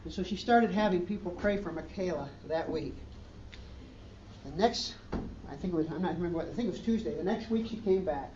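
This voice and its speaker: A man's voice: high-pitched, fairly quick, a little mellow, highs cut off, slight background noise. A man preaching a sermon as pastor, in an earnest way, with emphatic rising questions, recorded from a distance in a church hall.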